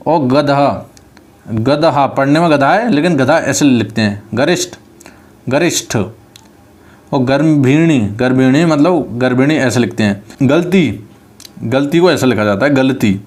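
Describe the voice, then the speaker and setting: A mid-pitched male teacher with a slightly mellow voice keeps a measured pace in his online spelling class for exam prep. For every word he says, he follows up by explaining the proper spelling.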